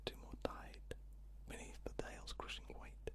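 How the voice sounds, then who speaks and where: Very slow, whispered ASMR story reader. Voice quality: breathy, unvoiced whisper. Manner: slow, deliberate, pausing between short phrases. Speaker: narrator reading a fantasy novel aloud. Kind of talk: whispered ASMR reading, scripted narration. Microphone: close ear-to-ear stereo microphone.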